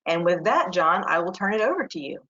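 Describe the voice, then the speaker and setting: Bright-voiced woman introducing a speaker. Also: on the low side, sing-song, brisk, breathy edge. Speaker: conference host introducing the speaker. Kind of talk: formal introduction. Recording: dull, lo-fi remote audio.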